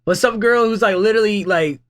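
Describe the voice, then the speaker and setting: A man's voice: high voice, a little fast, fairly bright tone. A man hosting a reaction video, talking in blunt, slangy, exasperated asides. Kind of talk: casual reaction commentary.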